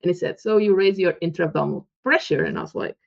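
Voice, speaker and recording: This woman, in her thirties and from Portugal, speaks with a Portuguese accent in a lowish voice with vocal fry. As a guest researcher in a casual interview, she's animated and readily acts out quoted dialogue with laughs. The recording sounds muffled and lo-fi.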